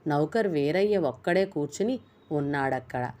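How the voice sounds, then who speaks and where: A woman narrating a novel chapter in a steady, even storytelling voice. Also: low voice, moderate pace. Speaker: audiobook narrator. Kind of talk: reading a novel aloud.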